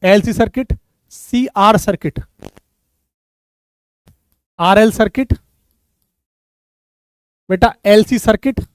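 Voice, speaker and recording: A man's voice: high voice, slow pace, long pauses, dry recording. A man teaching a physics class online, calling students "beta" and explaining step by step in a conversational way.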